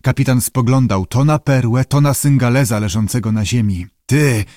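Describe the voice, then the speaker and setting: A man reading an audiobook in measured, even storytelling narration. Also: mid-range voice, no room sound, studio quality.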